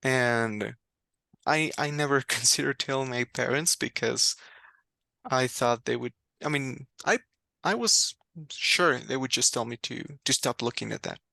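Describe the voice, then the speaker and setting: A gravelly-voiced man from Mexico, a native Spanish speaker, shares his personal faith story as a guest in conversation. His mid-range voice is sharp in tone and comes at a measured pace with no echo. He is reflective and candid, laughs often, and restarts words.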